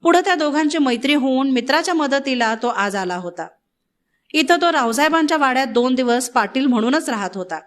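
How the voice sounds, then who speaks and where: A woman narrating a novel as an audiobook, in measured literary storytelling. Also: high-pitched, expressive. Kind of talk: scripted narration.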